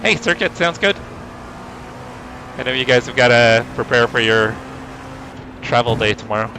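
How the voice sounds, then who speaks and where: A man with a mid-pitched voice chats casually on a sim racing livestream. He drops asides to himself between remarks to viewers, with clear car engine noise running behind him. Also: animated, normal speed.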